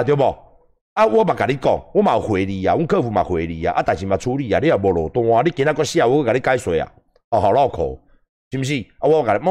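A man with a Taiwanese accent hosting a livestream, ranting and swearing loudly, switching between mocking shouts and low muttered asides. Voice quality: loud, swings between yelling and muttering. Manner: shouting profanity, mocking impressions. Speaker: livestream host, gym owner. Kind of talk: angry livestream rant.

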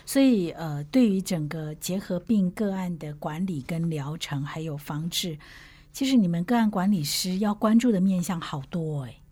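Breathy Taiwanese Mandarin host woman. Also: fairly low pitch, moderate pace. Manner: curious, affirming, lively reactions. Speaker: podcast host. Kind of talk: podcast interview.

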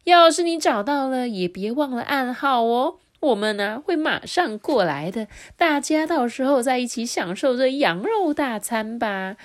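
A bossy wolf leader booms his boasts and threats in a children's story, as a woman puts him on. The voice sits high and carries a menacing edge. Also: animated, a little slow, few pauses. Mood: gruff boasting.

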